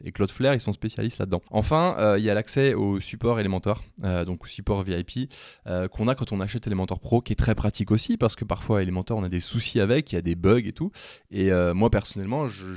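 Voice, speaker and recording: A man giving a casual, enthusiastic screen-recorded software demo as a web design trainer, chatty and full of hesitant fillers. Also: fairly low pitch, dry recording, clean studio sound.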